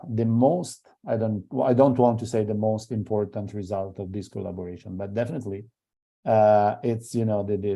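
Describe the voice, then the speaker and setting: Fairly low in pitch, creaky and mellow, the voice belongs to a middle-aged Italian man invited to give a seminar. He hesitates often throughout his academic talk, restarting sentences and leaning on fillers, all in an Italian accent.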